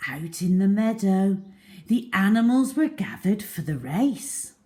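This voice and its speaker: In a mid-range voice, a woman reads a storybook to young children, expressive, theatrical and deliberate, with phrase endings falling to a hush.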